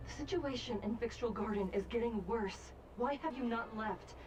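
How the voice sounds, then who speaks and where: A woman's voice: a little high, moderate pace, noisy background, close to an everyday voice. A woman playing a stern, formal judge in a video game, speaking with a commanding manner. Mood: measured, reassuring.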